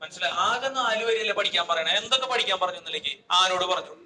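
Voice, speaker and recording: A man's voice: sits high, expressive, fast, bright, forceful tone, recorded from a distance. A man with a Malayali accent teaching a chemistry class, quizzing his students, repeating questions and scolding them. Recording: echoey classroom with faint noise.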